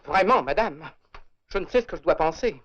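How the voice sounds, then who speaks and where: Un jeune acteur jouant un fiancé naïf et dépassé, hésitant et bafouillant, dans un vieux film. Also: male voice, fairly high pitch, animated, moderate pace. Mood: fretful. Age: young adult. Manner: hesitant, fretful, stammering. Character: flustered naive young engaged man. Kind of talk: 1930s French film acting. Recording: dull lo-fi old film soundtrack.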